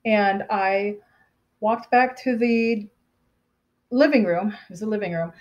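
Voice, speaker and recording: A woman's voice: mid-range voice, slow pace, muffled recording. A woman, telling a personal story to camera in a rambling, candid way with fillers and repeats.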